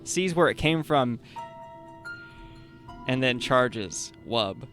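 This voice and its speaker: A man's voice: medium pitch, lively intonation, extremely slow, fairly bright tone, soft background music. A man narrating as game master at a tabletop game, rambling casually with lots of filler words and cheering his players on.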